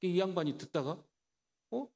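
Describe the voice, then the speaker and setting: Animated male pastor in an echoing church. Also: sits high, normal speed, creaky. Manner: rhetorical questions to the congregation, acts out quoted voices. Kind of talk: sermon. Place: church sanctuary. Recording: reverberant church hall.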